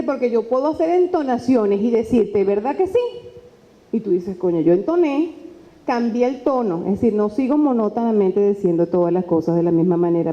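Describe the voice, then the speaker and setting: A woman lecturer, talking lively and conversationally into a microphone and acting out quoted dialogue. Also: fairly high pitch. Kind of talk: lecture on presentation skills. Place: lecture hall. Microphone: handheld microphone. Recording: dull sound with long hall reverb.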